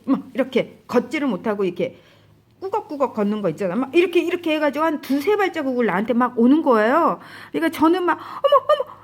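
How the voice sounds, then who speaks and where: A woman casually recounting a dream as a testimony, describing it with lively gestures and frequent exclamations. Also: a little high.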